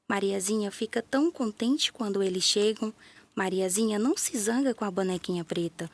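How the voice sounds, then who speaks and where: A woman with a Brazilian Portuguese accent narrating a children's story in a gentle, playful way, with little sound effects. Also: mid-range voice.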